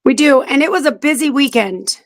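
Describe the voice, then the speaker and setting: A woman's voice: high-pitched, lively intonation, brisk, no room sound. A woman co-hosting a podcast from home in casual chat, blunt and teasing, swearing freely, her voice a little strained. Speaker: podcast co-host. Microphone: streaming setup.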